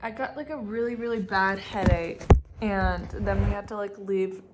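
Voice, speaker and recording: A young woman chatting casually in a travel vlog, relaxed as she tells a story. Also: mid-range voice, normal speed, very noisy. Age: young adult. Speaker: vlogger.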